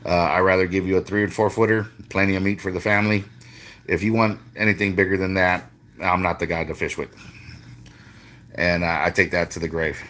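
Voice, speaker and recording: Middle-aged fishing guide, very deep voice, loose and profane, talks off the cuff on a live stream. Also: male voice, level tone, a little fast, fairly bright tone. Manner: rambling, casual, with frequent swearing and restarts. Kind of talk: casual live-stream chat.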